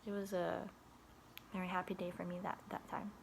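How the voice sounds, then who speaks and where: A woman's voice: fairly low pitch, little pitch movement, fairly quick, creaky, heavy background noise. A young woman telling a casual video diary about her day at after-school care, chatty and giggly, with many restarts and laughs.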